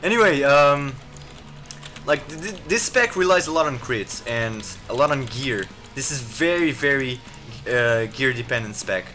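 A man giving live commentary while playing a game, rambling with many fillers and restarts and reacting excitedly to the action. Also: medium pitch, a little slow, soft background music. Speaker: gameplay commentator.

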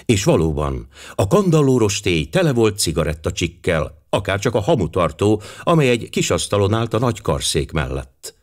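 A man narrating an audiobook in a measured, expressive storytelling manner. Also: lowish voice.

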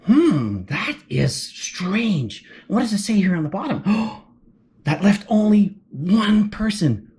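Slow and sing-song, in a mid-range voice with a dark tone, a woman reads a picture book aloud to kids with lots of animation. She gasps with surprise and quizzes the listener as she moves from page to page.

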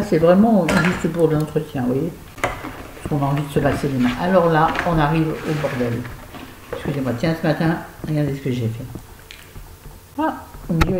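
A woman chatting casually to her viewers as she reviews used-up beauty products, with wry, self-mocking asides. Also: deep voice. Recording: roomy echo, faint background noise.

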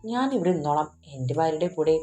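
A woman's voice: low-pitched, lively intonation, fast, mellow. A woman voicing a playful young man, the teasing romantic hero of a storybook romance.

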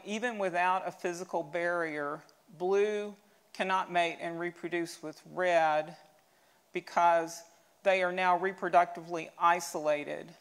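A woman museum curator giving a steady, explanatory slide lecture, with an occasional restart. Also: lowish voice.

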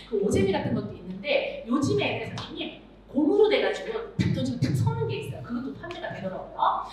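A middle-aged woman teaching music to teachers at a seminar, animated, acting out voices and singing examples. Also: high voice. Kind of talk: lively seminar lecture to teachers. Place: large lecture hall with audience. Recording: echoey hall, speaker far off, audience noise.

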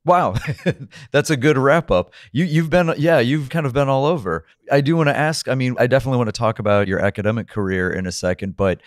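A man's voice: medium pitch, brisk, no room sound, studio quality. A middle-aged man hosting an interview podcast, asking questions in a friendly, upbeat way. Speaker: podcast host, magazine editor. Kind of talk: conversational interview.

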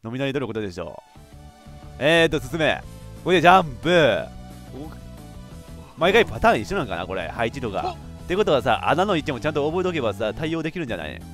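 A man doing excitable let's play commentary, laughing often and yelping when he fails. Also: medium pitch, fast, long pauses, soft background music. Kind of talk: game commentary.

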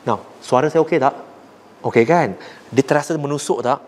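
A man with a Malaysian accent preaching to young people, blunt and forceful, mixing languages and rising sharply to drive points home. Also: mid-range voice, normal speed, a little hiss or hum. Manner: rises sharply when making a point. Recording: long hall reverb.

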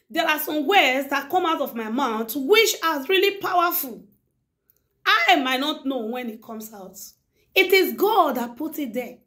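High-voiced woman preaching to her viewers. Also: a bit bright. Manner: emphatic and preachy, repeats phrases. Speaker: YouTuber addressing her viewers. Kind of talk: casual monologue to camera.

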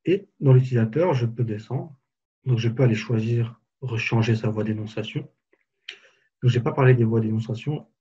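Husky dark-voiced man giving a tutorial. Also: medium pitch, moderate pace, lo-fi sound. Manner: casual, explanatory, walks through steps on screen. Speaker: software trainer. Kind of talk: live software tutorial webinar.

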